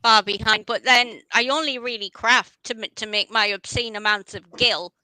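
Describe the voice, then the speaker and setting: A woman's voice: fairly high pitch, fairly even intonation, moderate pace, pushed and bright, no echo, poor audio. A woman hosting a casual livestream, chatty and rambling, often restarting her sentences. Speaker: livestream host.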